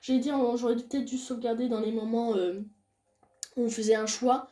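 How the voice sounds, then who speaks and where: A young woman reading a visual novel aloud and chatting casually about the game as she plays. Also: a little fast. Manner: reads game dialogue in a soft low voice, chats loudly and excitedly between scenes. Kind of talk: casual let's-play commentary.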